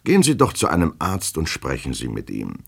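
A patient older office chief prods gently with questions, sounding both puzzled and worried, voiced by a man reading aloud. His tone is husky and moves lively up and down. He speaks calmly and plainly. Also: rumbling low, brisk, heavily acted. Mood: concerned. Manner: gently coaxing, asks questions.

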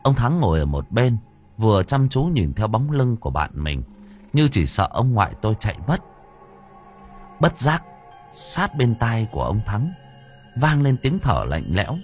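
A man reading a story aloud with dramatic, lively narration. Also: medium pitch, measured pace, pauses often. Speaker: audiobook narrator. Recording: faint background music.

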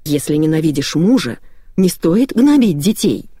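A woman voicing a weary, stern elderly grandmother who scolds calmly. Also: low voice, normal speed, breathy edge, dry recording, clean studio sound, heavily acted.

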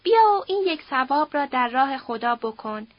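A woman voicing an earnest young man who pleads in a measured, soft-spoken way. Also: high-pitched, big pitch swings, dry recording. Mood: persuasive. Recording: dull dry audiobook recording.

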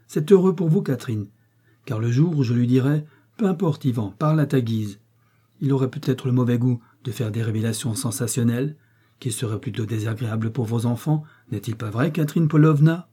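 A man reading an audiobook, voicing a domineering, coldly ironic prince with a dark, husky voice. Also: medium pitch, brisk, natural voice. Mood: cold, commanding. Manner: commanding, cutting and sarcastic.

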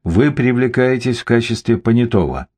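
A man's voice: mid-range voice, animated, normal speed, darkish tone, voice pushed up, natural voice. A man voicing a terse police investigator who speaks in curt, clipped, grumbling phrases in an audiobook. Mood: curt, stern.

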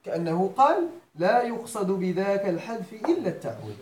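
Moroccan male grammar teacher, middle-aged, animated up-and-down delivery, checks in with the class often, roomy echo. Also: high voice, fairly quick. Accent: Moroccan Arabic. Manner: explains step by step, repeats phrases, checks students' understanding; switches between formal Arabic and Moroccan dialect. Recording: echoey room.

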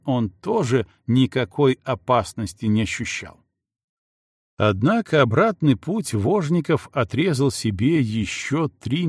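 A man reading an audiobook in a measured, dramatic way. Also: mid-range voice, darkish tone, no room sound, studio quality. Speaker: audiobook narrator. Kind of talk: audiobook narration.

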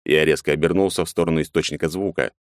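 A man with a very low voice reads an audiobook in a steady, measured way. The recording is close and dry, with no room sound. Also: no echo. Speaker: audiobook narrator. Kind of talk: scripted audiobook narration.

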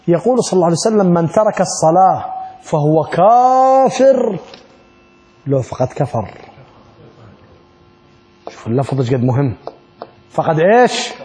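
A man's voice: high voice, dark tone. A middle-aged man with an Iraqi Arabic accent teaching a religious law class, asking the students questions and acting out little exchanges. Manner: asks the class rhetorical questions and acts out little dialogues. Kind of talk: classroom lesson on Islamic law.

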